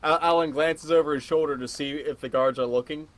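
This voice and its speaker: A man's voice: fairly high pitch, fairly even intonation, fairly quick, fairly bright tone. A man playing a tabletop game, describing his character's actions in the third person, a bit hesitant. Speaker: player.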